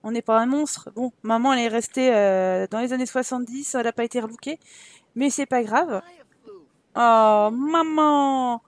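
Chatty high-voiced woman gaming. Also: fairly quick, darkish tone, no echo. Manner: chatty, teasing, exclaims at the game. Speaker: gaming let's-play host. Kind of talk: casual game commentary.

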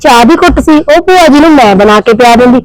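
Actress as a whiny young bride, high voice, dry close sound. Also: female voice, lively intonation, quick pace, no room sound, low-quality recording. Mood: pleading. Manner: whiny, pleading. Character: young daughter-in-law, sulky and self-pitying. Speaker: actor in a family skit. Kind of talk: scripted domestic skit acting.

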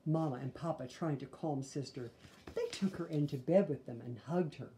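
Here a woman in her sixties narrates a children's book at normal speed in a low, mellow voice. She puts expression into the reading and slips in little remarks to the listeners. The setting is a living room, with slight background noise.

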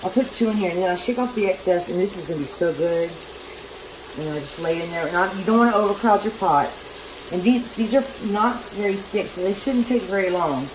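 A woman's voice: medium pitch, fairly quick. A woman with a Southern accent chatting casually as she cooks at home, rambling and poking fun at herself. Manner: chatty, rambling, self-deprecating. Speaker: home cooking vlogger. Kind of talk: casual cooking demonstration. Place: home kitchen, overhead camera on the stove. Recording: noisy kitchen with a loud fan.

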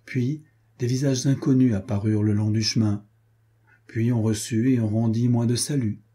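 A male audiobook narrator with a very dark, mellow timbre and a husky edge. He reads in a measured, expressive scripted narration at a middle pitch. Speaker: audiobook reader.

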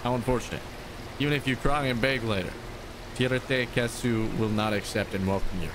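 A man plays a solemn, menacing cult devotee in a horror game. He preaches in a halting way at a middling pitch, over clear background noise. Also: natural voice. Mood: ominous. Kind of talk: video game dialogue read aloud.

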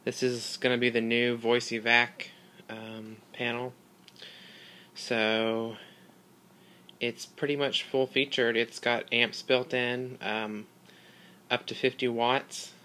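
A man hosting a casual hobby video, explaining equipment in an informal, halting way, recorded on a handheld device indoors. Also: mid-range voice, little pitch movement, bright, forceful tone. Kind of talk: casual product demonstration vlog. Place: small carpeted room indoors. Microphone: handheld phone or camera mic.

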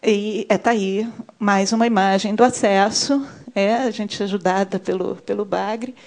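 A woman, giving a measured conference talk on a handheld microphone, with many fillers as she points at her slides. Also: medium pitch, fairly even intonation, darkish tone. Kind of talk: conference presentation. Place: conference room. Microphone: handheld mic.

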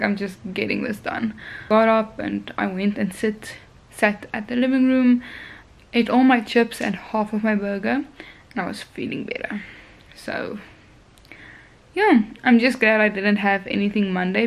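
This young woman's medium-pitched, gravelly voice keeps fairly even intonation at a moderate pace as she vlogs from home. Filming on a handheld phone at arm's length, she rambles straight to the camera while cooking, moving through her kitchen and bathroom.

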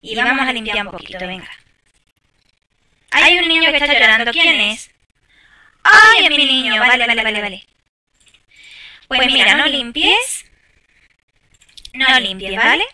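A woman's voice: a little high, expressive, a little slow, pauses often, pushed and bright, distant mic. A woman giving casual gameplay commentary, chatting to viewers with exasperated asides. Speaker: gameplay streamer.

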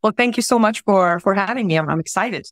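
A woman's voice: medium pitch, quick pace, no echo, studio quality. A woman in her thirties, born in Croatia and raised in Sweden, talking as a guest in an easygoing, friendly way over a video call. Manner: friendly, easygoing, many fillers. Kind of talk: casual interview. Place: room at home, indoors.

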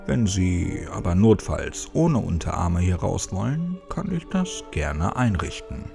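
A man's voice: low-pitched, very animated, a little slow, gravelly, music in the background, heavily acted. A man voicing a sarcastic middle-aged male police officer who talks in a dry, mocking way. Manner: teasing, dry and sneering.

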